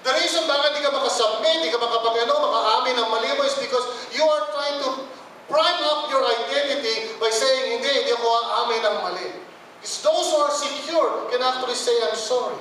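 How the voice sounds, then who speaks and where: High-voiced Filipino pastor in echoing church. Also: male voice, pushed and bright, slight background noise. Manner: switches between English and Filipino, acts out quoted voices. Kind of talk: sermon. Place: church hall. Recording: very echoey hall, mic far off.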